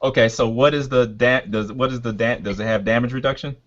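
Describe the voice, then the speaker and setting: A man running a tabletop game as game master, talking casually and haltingly as he thinks aloud and checks rules. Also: mid-range voice, steady tone, fairly bright tone. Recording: dull, lo-fi sound.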